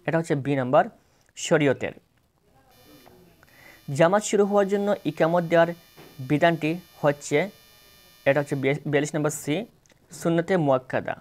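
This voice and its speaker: With a Bangladeshi Bengali accent and a voice on the high side, a tutor reads multiple-choice questions and answers aloud at a moderate pace, leaving long pauses. He stays plain and steady, correcting himself at times.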